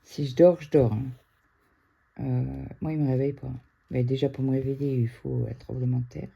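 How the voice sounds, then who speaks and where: Chatty woman with a dark, husky voice. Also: rumbling low, muffled recording. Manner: chatty, excitable, quick to shout. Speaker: craft vlogger. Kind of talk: casual chat to viewers. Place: indoors at home.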